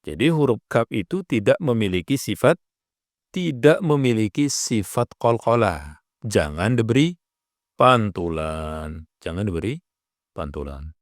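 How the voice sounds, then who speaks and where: A man teaching correct recitation, explaining patiently and repeating points, breaking into drawn-out chanted examples. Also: mid-range voice, big pitch swings, a little mellow, no echo, studio quality. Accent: Indonesian. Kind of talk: instructional explanation with chanted call-to-prayer examples.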